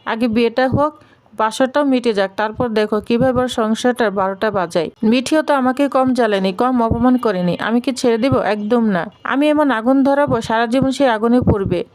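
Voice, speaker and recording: A woman voicing a scheming young woman bent on revenge, speaking slowly and threateningly. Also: on the high side, a little mellow, natural voice. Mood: vengeful. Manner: slow, threatening.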